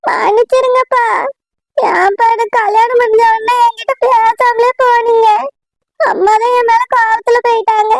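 A woman's voice: extremely high pitch, little pitch movement, moderate pace, very noisy. A woman voicing a young bride in a cartoon, sobbing and begging her father's forgiveness, with a Tirunelveli Tamil accent. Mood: tearful. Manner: sobbing, pleading apologies. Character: young bride, tearful and pleading.

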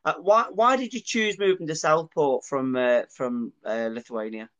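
A man's voice: fairly high pitch, normal speed, fairly bright tone, highs cut off. A man hosting a casual interview, friendly and rambling, often restarting his questions midway.

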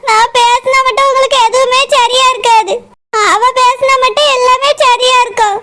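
A woman's voice: very high-pitched, steady tone, moderate pace, heavy background noise. A woman voicing a jealous young wife in a cartoon, accusing her husband through sobbing complaints. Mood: hurt. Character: tearful jealous young wife, quick to suspect. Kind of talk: cartoon voice acting.

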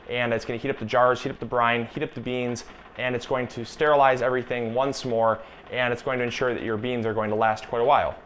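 A young man in his twenties, host of a gardening channel, talks through a canning demonstration in his home kitchen on a lapel mic. His medium-pitched voice is a bit bright, with slight background noise behind it. The casual cooking demo is chatty and instructive, and he repeats the key warnings.

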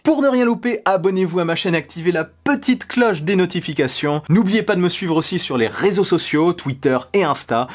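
Chatty man with a husky voice. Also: on the high side. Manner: chatty, speculative, lively gestures. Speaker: tech YouTuber. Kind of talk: casual tech vlog. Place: small indoor room with posters and shelves.

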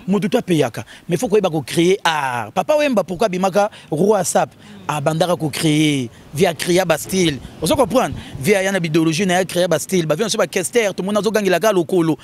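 A man giving an animated, casual interview, his voice jumping higher when he gets excited. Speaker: interview guest. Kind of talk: casual interview talk in Lingala and French.

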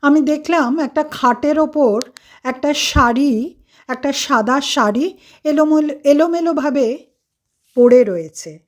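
Woman doing stubborn young guy in a devotional tale, insistent, kinda high, slow. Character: skeptical young man, stubborn then awed.

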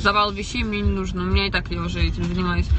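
A woman's voice: lowish voice, flat delivery, racing, background noise. A woman in her twenties with a slight lisp and imperfect r sounds, chatting casually as she answers live-stream viewers. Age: 20s. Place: inside a car at night. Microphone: phone at arm's length. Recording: muffled phone audio in a car, loud music.

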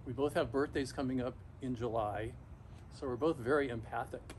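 A middle-aged man talking casually and haltingly to camera outdoors, shivering in ice-cold water, pausing often mid-thought. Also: mid-range voice. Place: backyard, outdoors, in an ice bath. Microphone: camera a few metres away. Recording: noisy outdoor recording, ambient hum.

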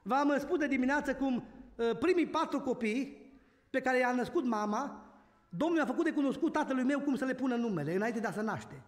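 A man's voice: very high voice, expressive. A man preaching a sermon, telling a family story with his voice rising and falling. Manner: storytelling preacher, voice swelling and dropping. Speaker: pastor. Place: large church hall. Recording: long church reverb.

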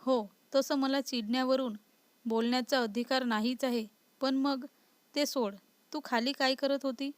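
Reading aloud, a woman voices a playful young husband who keeps needling his wife, her tone light, mocking and slightly high. The sound is dry and close with no echo, and she keeps a steady tone at a measured pace, teasing throughout.

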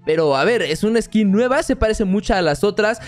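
A young man from commenting on his gameplay with excitement, talking straight to his viewers. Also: high-pitched, a little fast. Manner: excitable, addresses viewers as family. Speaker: gaming YouTuber.

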